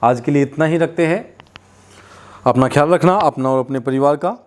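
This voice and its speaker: A man with a fairly high voice and a moderate pace leads a Hindi lesson focused on pronunciation. He keeps repeating sounds and explanations, asks the students to join in, and refers to his viewers as children and friends while drilling the sounds aloud.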